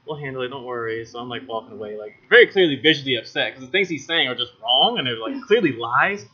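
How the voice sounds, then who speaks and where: A young man telling a story in casual podcast chat, animated and full of crude slang. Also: medium pitch, fast, slightly rough. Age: young adult. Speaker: podcast co-host. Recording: dull lo-fi podcast audio.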